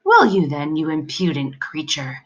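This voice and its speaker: A woman's voice: very animated, normal speed, fairly bright tone, muffled recording, full character voice. A woman voicing a small, bossy male demon who shrieks and stammers threats, in a storybook reading. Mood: blustering. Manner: shrill, screaming, stammering threats.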